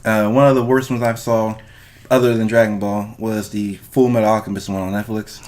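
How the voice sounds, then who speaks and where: A man's voice: lowish voice, flat delivery, brisk, a little mellow. A man hosting a casual podcast, informal and loose with language, speaking straight to his listeners. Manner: informal, profane, addresses listeners directly. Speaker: podcast host.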